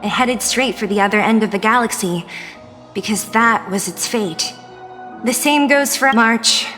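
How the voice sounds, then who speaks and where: High, guarded young woman, plain-spoken game character, reverb and music. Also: unhurried, fairly bright tone. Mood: guarded, firm. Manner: blunt. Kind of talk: video game voice acting.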